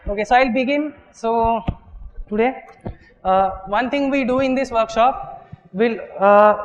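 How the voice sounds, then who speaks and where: Indian man, instructor, high voice, hall reverb, dull recording, steps through explanations, checks with "okay". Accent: Indian English. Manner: explains step by step, often checks with "okay" and "right". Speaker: workshop instructor. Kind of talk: live classroom teaching. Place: large lecture hall.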